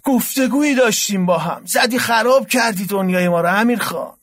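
An actor playing a naive, earnest young man in a comic radio drama, defending his muddled ideas with drawn-out emphasis. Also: sits high, a bit bright, no room sound. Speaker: naive worshipper with odd ideas.

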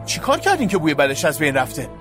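A man's voice: a little high, wildly swooping pitch, music in the background. A man voicing a tough, angry young hero who questions sharply and mocks his enemy in an audiobook story. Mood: interrogating. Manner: forceful, mocking, interrogating.

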